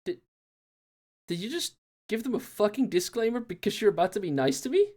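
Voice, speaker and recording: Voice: mid-range voice, big pitch swings, a little fast, darkish tone. A voice actor as an earnest, teasing hero.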